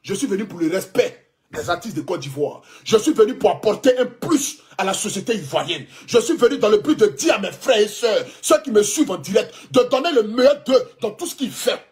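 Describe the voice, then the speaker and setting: A social media blogger in his thirties from Ivory Coast delivers a fervent, repetitive and defiant livestream address in an Ivorian French accent. His high voice is fairly quick with lively intonation, and he's indoors with a clothing rack behind him.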